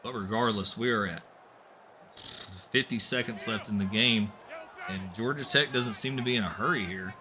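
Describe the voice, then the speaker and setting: A young man doing live play-by-play commentary on a simulated football game, getting excitable on big plays. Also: moderate pace, pauses often, noisy background. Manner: excitable, voice jumps high and loud on big plays. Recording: music playing behind the voice.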